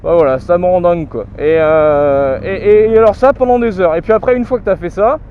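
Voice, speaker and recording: Young dude venting while driving, kinda high voice, muffled, loud traffic behind. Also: male voice, a little fast. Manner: ranting, swears a lot, exasperated. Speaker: vlogger. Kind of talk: casual chat. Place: in a car in city traffic.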